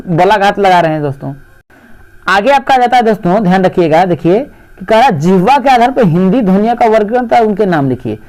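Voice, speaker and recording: High-voiced man talking through an exam lesson. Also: a little mellow, rough recording. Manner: rhetorical questions answered himself, repeats "dekhiye" and "mere doston". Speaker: teacher. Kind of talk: exam paper walkthrough lesson.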